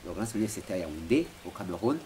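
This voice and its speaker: Interviewed at home, a philosopher from Rwanda in his forties replies with many hesitations and repeated words. He speaks quickly and with animation in a deep, darkish voice, and the home recording is noisy.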